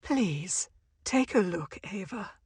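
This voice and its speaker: A woman playing a genteel, sentimental older book lover in a game story, gentle and polite in manner. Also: medium pitch, animated, slow, slightly rough, dry recording, heavily acted. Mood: moved, sorrowful. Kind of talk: scripted game story dialogue.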